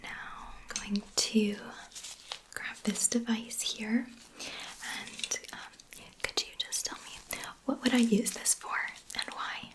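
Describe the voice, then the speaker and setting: Slow, whispering woman in a medical role-play. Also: on the high side, steady tone, rough recording. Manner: gentle, instructing step by step, reassuring.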